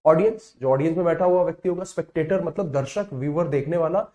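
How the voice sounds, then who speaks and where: A man teaching English vocabulary in a lesson that mixes Hindi and English. He explains slowly and keeps checking with "right?" and "correct?". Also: a little high, dark tone. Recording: echoey room.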